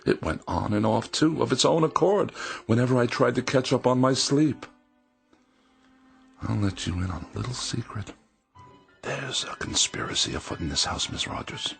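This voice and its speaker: Pompous, fussy radio-drama man, creaky voice. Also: medium pitch, lively intonation, normal speed, soft background music. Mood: anxious, weary. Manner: pompous, wordy, emphatic. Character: haughty, fussy male gourmet writer, lonely and fearful underneath.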